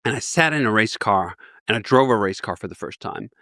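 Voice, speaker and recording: Man in his 40s from Denmark, bright tense voice, dry close sound; an eager storyteller rambling through an interview. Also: fairly low pitch, lively intonation, fairly quick, no room sound. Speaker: guest. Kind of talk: casual interview talk.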